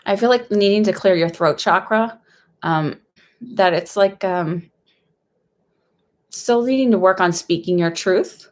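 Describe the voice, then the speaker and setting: A young woman with a lisp, a whistling s and a slight cold, speaking fairly quietly and hesitantly in a casual livestream psychic reading. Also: mid-range voice, unhurried, pauses often. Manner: hesitant, rambling, conversational. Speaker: psychic medium host giving live readings.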